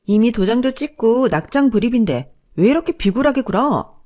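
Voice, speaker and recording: A woman's voice: a little high, lively intonation, moderate pace, darkish tone, voice pushed up, natural voice. A woman voicing a smug, mocking sister-in-law who talks down to others. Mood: sneering.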